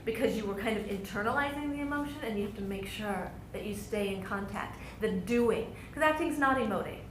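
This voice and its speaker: A woman's voice: mid-range voice, fairly quick. A woman acting teacher giving direct, encouraging feedback to a student in class. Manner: direct, encouraging, explains in short plain phrases. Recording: roomy studio with faint noise.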